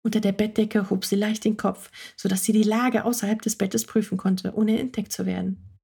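A woman reads a children's story aloud in a calm, steady voice with a breathy, slightly husky tone. At tense moments she sinks to a whisper. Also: mid-range voice, moderate pace.

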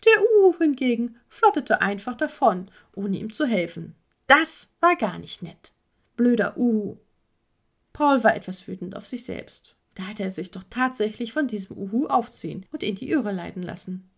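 Expressive woman reading a children's story. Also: medium pitch, normal speed, few pauses.

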